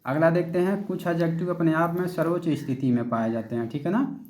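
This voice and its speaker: A man with an Indian accent teaches a grammar lesson, walking through each rule step by step and pausing often to check that the class is following. His voice sits a little high for a man, and it bounces around an echoey room. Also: fairly even intonation, a little mellow. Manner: explains step by step, with frequent check-ins asking if it is clear. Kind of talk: Hindi lecture on English grammar.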